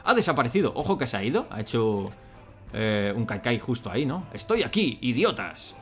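A man reading a fan manga aloud and commenting in a chatty, excitable way, thinking aloud as he goes. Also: medium pitch, a little fast, faint music behind. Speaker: channel host.

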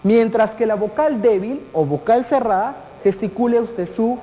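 A teacher leads a televised lesson, turning to the students with questions and drawing out the words that matter. The voice sits at a mid pitch. It rings with a long reverb, as if recorded in a large hall. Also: moderate pace, mellow, slight background noise. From Guatemala. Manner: addresses students directly, asks questions, stretches key words.

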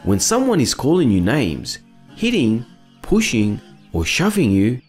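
A wise, friendly guide from a children's cartoon. His delivery is hugely animated in pitch, with an earnest, instructive and encouraging manner. Music plays behind him. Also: a little slow. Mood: earnest teaching. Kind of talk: children's educational cartoon acting.

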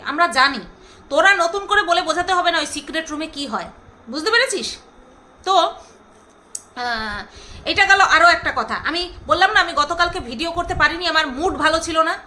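A middle-aged woman vlogger with a very high, sharp voice rants angrily and sarcastically straight to camera. She scolds and repeats phrases for emphasis throughout the monologue.

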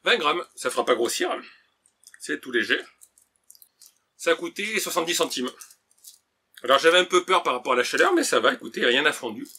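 A man's voice: a little high, big pitch swings, fairly quick, long pauses, pushed and bright, slightly rough. A man casually chatting while unboxing and tasting snacks on camera, hesitant and full of fillers. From France. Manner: chatty, hesitant, many "euh" and "voilà". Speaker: vlogger tasting food.

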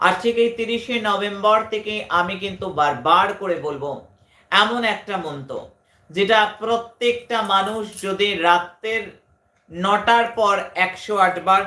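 A woman's voice: mid-range voice, unhurried, bright, forceful tone. Declamatory woman guru in an echoey room. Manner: declamatory, repetitive, emphatic. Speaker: spiritual guru. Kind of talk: devotional address with mantras and daily forecasts.

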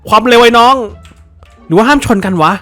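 A man's voice: very high-pitched, expressive, brisk, music in the background. A man hosting a let's play, swearing freely, yelping in surprise and laughing often as he plays. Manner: laughs often while playing. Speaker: gaming channel host.

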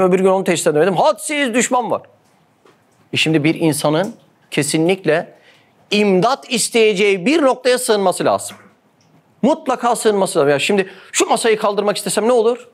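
A man giving a religious lesson, asking rhetorical questions and answering them himself, repeating key words over and over. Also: high-pitched. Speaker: religious speaker.

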